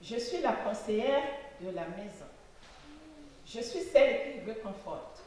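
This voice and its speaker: A woman declaiming a speech to an audience in slow, rhythmic, emphatic lines. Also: on the high side, a little mellow, slight background noise. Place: meeting hall. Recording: echoey hall from far off.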